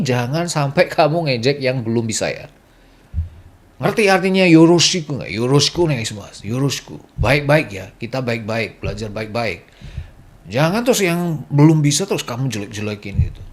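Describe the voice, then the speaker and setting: A chatty man from Indonesia talks through language-learning tips in a relaxed, conversational lesson. He teases his viewers and now and then drops into gruff, playful Japanese impressions. His voice sits at an ordinary middle pitch for a man. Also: fairly quick. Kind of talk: casual spoken lesson.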